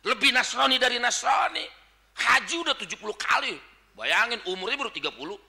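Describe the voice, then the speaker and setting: A man with a Betawi Jakarta accent preaching a dawn sermon, joking and swinging from quiet asides to shouted points. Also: very high voice, lively intonation, a little fast, creaky, background noise.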